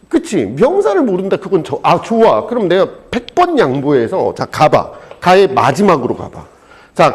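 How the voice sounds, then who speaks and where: A man teaching a high school exam prep lecture, animated and jokey, swinging between loud and soft. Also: slightly rough. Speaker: Korean language teacher.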